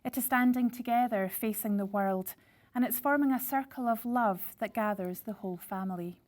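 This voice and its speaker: A woman leading a vow renewal ceremony, speaking in a measured, formal way. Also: fairly high pitch, a little mellow. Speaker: wedding celebrant. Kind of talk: ceremony address.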